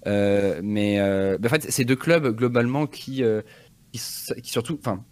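A man's voice: mid-range voice, normal speed, a little mellow, dry recording. A man giving casual analysis as a guest, thinking aloud hesitantly and building his point step by step. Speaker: guest commentator.

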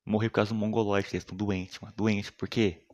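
A young man with a fairly low voice delivers a casual, rambling monologue. He swears freely, uses lots of slang, and often lets his sentences drop off into a mumble. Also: level tone, a little fast, a little hiss or hum. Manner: slangy, profane, rambling, often trails off quietly.

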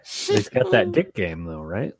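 A man with a somewhat low voice co-hosting a podcast in casual chat. He tosses out wry, offhand comments. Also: big pitch swings, unhurried, slight background noise. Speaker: podcast co-host.

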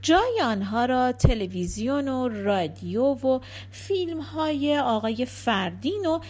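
A woman narrating an audiobook story with expressive, lively storytelling. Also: high voice.

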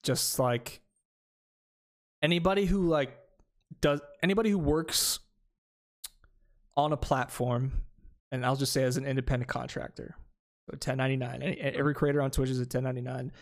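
A man's voice: medium pitch, moderate pace, long pauses. Rambling man chatting about streaming. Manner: rambling, many fillers and restarts. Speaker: small streamer. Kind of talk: casual podcast chat.

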